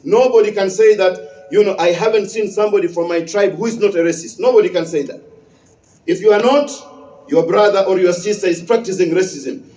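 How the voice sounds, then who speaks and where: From West Africa, this male imam gives the Friday sermon in a mellow yet high-pitched voice, returning emphatically to his main phrases. With the mic placed well away from him, the sound rings through a reverberant mosque hall.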